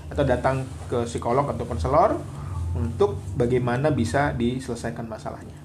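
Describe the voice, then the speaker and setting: A man's voice: medium pitch, fairly quick, a little hiss or hum. A man, a psychologist co-hosting a live Q&A on marriage problems, talking earnestly and animatedly. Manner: earnest, animated, acts out quoted wives and husbands. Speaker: psychologist and co-host.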